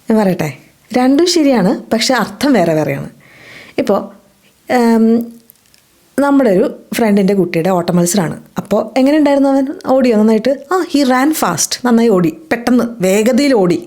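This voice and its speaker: Fairly high-pitched, animated, and warm, this Malayali-accented woman is giving a spoken English lesson. She poses questions and answers them on her own, and pronounces the example sentences in English slowly and clearly.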